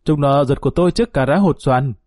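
A man's voice: a little high, a little fast, darkish tone, dry recording, clean studio sound, close to an everyday voice. Man voicing the bitter, wronged thief Chót. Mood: indignant. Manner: indignant, aggrieved outbursts.

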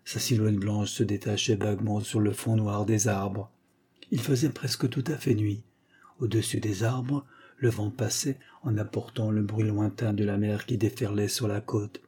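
A man calmly reading a short story aloud as narrator, in a measured way. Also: fairly low pitch, slightly rough.

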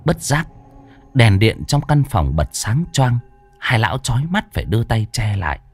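A man narrating a ghost story in a dramatic, animated way. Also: mid-range voice, moderate pace, breathy edge, soft background music.

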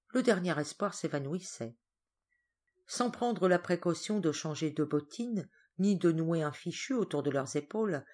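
Style: scripted audiobook narration. Sex: woman. Pitch: slightly low. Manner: measured, expressive. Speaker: audiobook reader.

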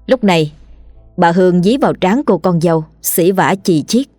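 A woman tells a ghost story in a low, unhurried voice, lingering sorrowfully over the words. Faint music plays behind her. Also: expressive, dark tone, no room sound.

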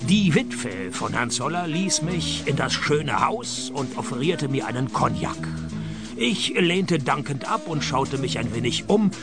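An actor playing a wry, jaded middle-aged private detective in a noir radio play, with a dry, sardonic delivery. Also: male voice, mid-range voice, lively intonation, unhurried, loud music behind the voice. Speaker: narrator and lead detective.

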